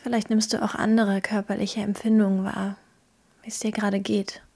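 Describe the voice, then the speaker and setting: A woman guiding a meditation in a soft, breathy near-whisper, gentle and hushed, leaving slow pauses between phrases. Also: mid-range voice, little pitch movement. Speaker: podcast host guiding a meditation.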